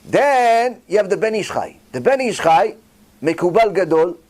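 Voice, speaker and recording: A man giving a rabbi's Torah lecture, emphatic and full of rhetorical questions, swinging widely between loud and quiet. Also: animated, moderate pace, rough recording. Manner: dramatic swings in pitch and volume.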